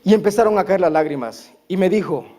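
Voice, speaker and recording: A man preaching at a church service with a strikingly high voice for a man. He stacks phrase on phrase in an emphatic, repetitive preaching cadence, pressing each point home. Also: expressive, fairly quick, warm tone. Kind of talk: sermon.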